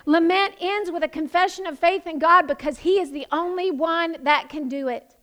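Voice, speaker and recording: A woman's voice: extremely high pitch, normal speed, a bit bright. A woman pastor preaching a sermon, passionate and building to emphatic proclamations.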